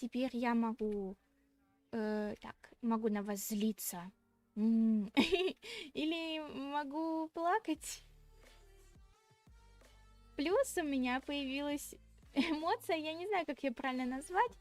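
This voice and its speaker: A woman's voice: high-pitched, lively intonation, measured pace, no room sound. A woman streamer chatting casually with viewers in a cute, girlish, slightly shy and giggly anime-streamer manner. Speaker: VTuber streamer hosting a redebut stream. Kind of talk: casual livestream chat with viewers. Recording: clear background music. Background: music.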